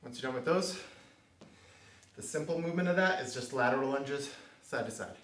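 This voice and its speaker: A man's voice: medium pitch, fairly quick, fairly bright tone, a little hiss or hum. A man teaching a live bodyweight workout, giving short exercise cues and catching his breath between sets. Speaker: fitness instructor. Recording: echoey room, mic at a distance.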